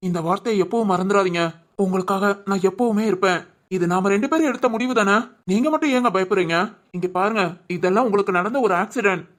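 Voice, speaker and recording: A woman voicing a gentle, teasing young husband. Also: on the high side, close to an everyday voice. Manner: soothing, teasing. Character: gentle reassuring young husband, loving and playful. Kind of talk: village family drama acting.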